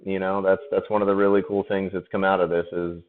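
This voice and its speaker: With a deep, fast voice that has little pitch movement, a man chats casually while painting on a live stream. He answers viewers with frequent laughter and free swearing, and the sound is tinny like a phone, with faint music underneath.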